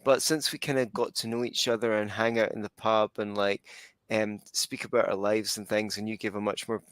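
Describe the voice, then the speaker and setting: A man hosting a podcast interview, talking in a relaxed, rambling way with fillers. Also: lowish voice, a little fast, clear, resonant tone, dry recording. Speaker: podcast host. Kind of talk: conversational interview.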